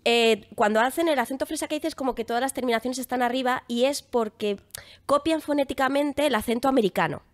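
Young woman, casual podcast guest, lively, chatty, dry close sound. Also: high voice, a little fast, dry recording. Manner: lively, chatty, laughs often. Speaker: guest actress.

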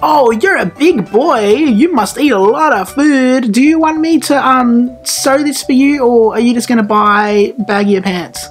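A man puts on a condescending shop assistant in a comedy sketch. The voice sits well above his normal pitch and drags each word out slowly, as if speaking to a child. Faint music plays underneath. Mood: patronizing. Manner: slow, patronizing, high.

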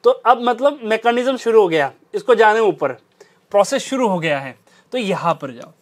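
With a high, animated voice at normal speed, a trading instructor explains a stock trading strategy using a chart. He puts heavy stress on his key points and repeats key phrases.

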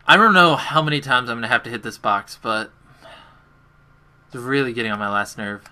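Bright-voiced young man streaming a game. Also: mid-range voice, expressive, a little fast. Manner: chatty, self-deprecating, talks to chat while playing. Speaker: gaming livestreamer. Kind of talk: casual live gameplay commentary. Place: bedroom at home.

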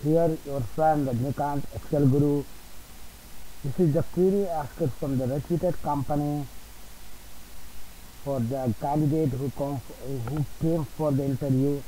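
A man's voice: medium pitch, dark tone, a little hiss or hum, low-quality recording. A man presenting an unscripted spreadsheet tutorial, dictating keystrokes and entries word by word. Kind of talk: unscripted screen-recorded tutorial.

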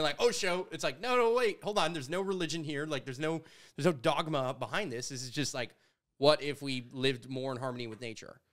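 A man in his thirties from Canada, talking through ideas in a casual conversation at a studio boom mic, animated and gesturing as he tells stories. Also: clear, resonant tone. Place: studio with brick walls. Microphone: studio mic on boom arm.

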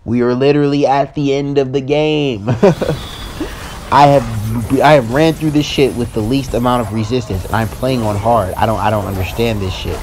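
A man's voice: fairly even intonation, normal speed, few pauses, a little mellow, a little hiss or hum. Profane, ranting young man gaming. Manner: frustrated, profane ranting, pitch jumps when annoyed. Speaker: gaming YouTuber. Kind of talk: live commentary over gameplay.

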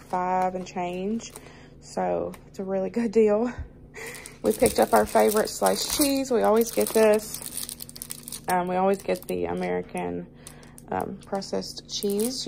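A woman's voice: mid-range voice, gravelly, darkish tone, slight background noise, poor audio. A woman with a Southern US accent, chatting casually to camera at her kitchen table and saying y'all often. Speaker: vlogger showing a grocery haul.

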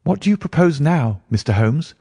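A man's voice: fairly high pitch, sing-song, moderate pace, warm tone, slightly rough, no echo, studio quality, voice pushed up, heavily acted. A man voicing a weak, eager young male client who is recovering from illness, speaking politely.

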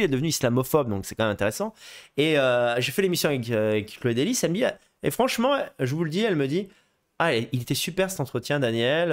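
A man hosting a live film show, chatting casually and rambling with lots of fillers, restarts and casual swearing. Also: a little high. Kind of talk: casual live chat about films.

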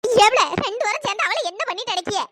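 A woman's voice: lively intonation, fast, fairly bright tone. A woman voicing a group of squabbling village women in a cartoon, all whiny scolding banter. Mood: bickering. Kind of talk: cartoon voice acting. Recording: noisy pitched-up processed voice.

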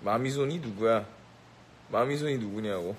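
Brash, boastful man with a lowish voice. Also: moderate pace, slight background noise, poor audio. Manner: brash, boastful, mock-bossy. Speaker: rapper addressing a live audience. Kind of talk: teasing live banter.

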